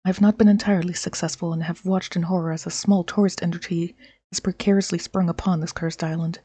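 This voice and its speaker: A woman's voice: lowish voice, fairly even intonation, quick pace, dark tone, breathy edge, no echo. A woman reading written notes aloud as she narrates a game. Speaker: gameplay narrator.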